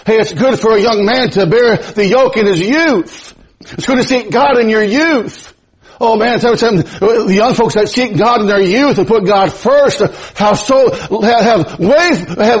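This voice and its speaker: This sermon comes from a native German-speaking man with a breathy edge to his voice. He climbs into emphatic, high-pitched passages and chuckles between his phrases.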